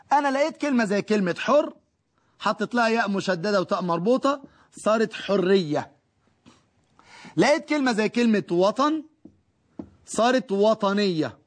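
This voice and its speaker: A man with an Egyptian Arabic accent teaching a recorded grammar lesson, lively, asking questions and answering them himself. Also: very high-pitched.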